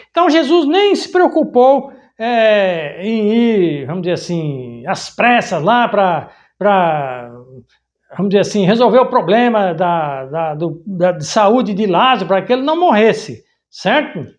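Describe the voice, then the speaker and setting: A man teaching a Bible lesson. He reads verses aloud slowly and often checks in with his listeners. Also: extremely high pitch, lo-fi sound.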